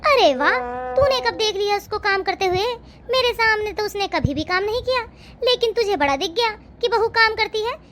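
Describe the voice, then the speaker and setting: A woman's voice: very high voice, expressive, normal speed, a bit bright, faint music behind. A woman playing a sly nagging mother-in-law. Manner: taunting, complaining and sly.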